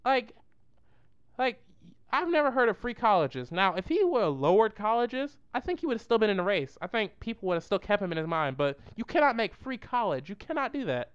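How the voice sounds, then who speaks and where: Animated playful vlogger roasting politicians. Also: mid-range voice, a little fast, smooth, dry recording, muffled recording. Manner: playful, slangy, rambling.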